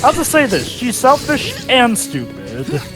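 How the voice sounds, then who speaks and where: High, lively sarcastic man. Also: unhurried, music in the background. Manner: sarcastic, animated, mocking quotes. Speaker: co-host of a game replay commentary. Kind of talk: casual game commentary.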